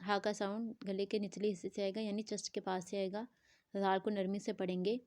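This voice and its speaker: A woman's voice: mid-range voice, level tone, darkish tone, dry recording. A woman teaching Quran recitation, spelling words letter by letter and drawing out the nasal sounds. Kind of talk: slow spelling-out tajweed lesson.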